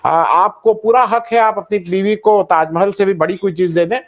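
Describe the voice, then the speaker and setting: A man with a notably high voice speaks as an author on a panel discussion. He argues in a measured, critical way and pauses often with hesitant fillers.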